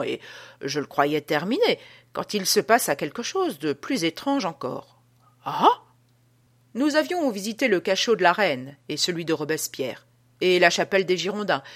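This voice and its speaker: A woman reading an audiobook as an old male prison guard telling an uncanny tale, with a dramatic, hushed delivery. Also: low voice. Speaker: audiobook reader.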